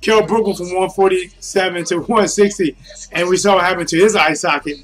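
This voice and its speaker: A man's voice: high-pitched, fairly even intonation, brisk, a bit bright, rough recording. A man giving casual, off-the-cuff boxing commentary, talking colloquially and directly to his listeners as a streaming host.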